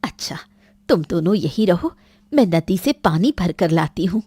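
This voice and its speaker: A gentle, sorrowful young village mother, voiced by the narrator. Her voice is mellow, and she speaks slowly. The sound is a dry studio recording. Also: on the low side, animated, husky, dry recording. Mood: tender. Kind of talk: Hindi cartoon story dubbing.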